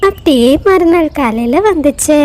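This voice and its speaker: A woman narrating a children's cartoon story in a steady storytelling manner. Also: high-pitched, normal speed.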